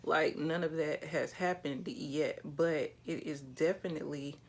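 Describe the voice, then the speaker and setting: Woman, 30, low gravelly voice, relaxed candid vlog chat. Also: measured pace. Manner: relaxed, candid, chatty with slang and light swearing. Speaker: beauty vlogger. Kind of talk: casual chat while doing makeup. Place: small indoor room with a plain backdrop.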